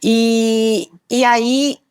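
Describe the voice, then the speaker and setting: A middle-aged woman telling stories as a podcast guest, speaking very loudly and lively into a studio mic. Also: on the high side, extremely slow, clear, resonant tone, dry recording. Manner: talks very loudly. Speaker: guest, public prosecutor. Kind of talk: podcast interview storytelling.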